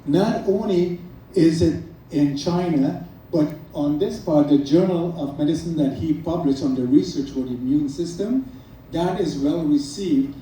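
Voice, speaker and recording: A man's voice: fairly high pitch, measured pace, dark tone. A middle-aged man from Trinidad and Tobago, a naturopath giving an earnest, emphatic promotional talk to a live audience, listing items one by one. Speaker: naturopath speaking at a product event. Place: event room with an audience. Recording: echoey room from far off with faint noise.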